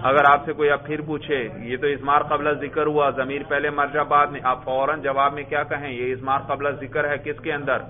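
A man from Pakistan teaching Arabic grammar at a seminary. He runs the class with patient, rapid questions to his students. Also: on the high side, flat delivery. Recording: tinny phone-like lo-fi recording.

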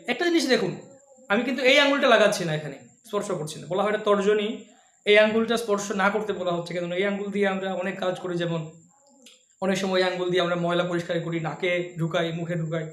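A man giving a slow, patient devotional lesson, showing each step by hand and chanting softly between explanations. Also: high-pitched. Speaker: devotional teacher. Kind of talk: slow spoken instruction with chanting. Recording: echoey room.

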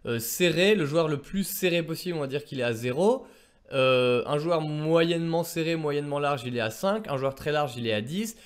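A man coaching poker in a relaxed video lesson. He talks in an animated way and reaches for everyday comparisons to make a point. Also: fairly high pitch, normal speed, clear, resonant tone. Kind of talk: casual two-host poker lesson.

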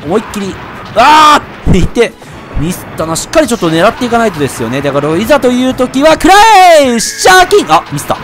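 A man giving excited commentary while playing a video game, yelping and shouting whenever he takes a hit. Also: high-pitched, quick pace, over music. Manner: excitable, yelps and shouts at hits. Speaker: let's play gamer.

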